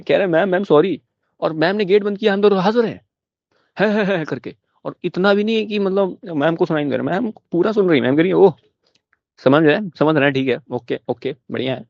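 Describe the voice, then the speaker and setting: A young man doing stand-up comedy, telling a school story in an animated way and laughing along with it. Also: a little high, creaky, dry recording, highs cut off.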